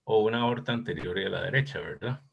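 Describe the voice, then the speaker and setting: This is a man, talking through a medical case in an academic discussion. His voice is low and gravelly, with a husky edge. He speaks slowly, pausing often as he thinks back on earlier years. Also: muffled recording. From Costa Rica. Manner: thoughtful, reminiscing, hesitant. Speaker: cardiologist discussing a case presentation.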